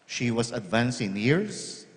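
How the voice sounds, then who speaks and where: A man, a priest, reading the Gospel at Mass in a solemn, measured liturgical manner, with a cathedral echo. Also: medium pitch, sing-song. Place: large church. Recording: cathedral echo, long church reverb.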